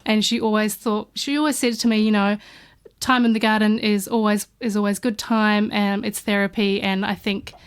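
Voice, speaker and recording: A New Zealand woman, a guest who is an artist's studio partner, chats on a casual podcast in a studio, telling warm anecdotes full of fillers and restarts. Her smooth, mid-range voice moves little in pitch and keeps a moderate pace.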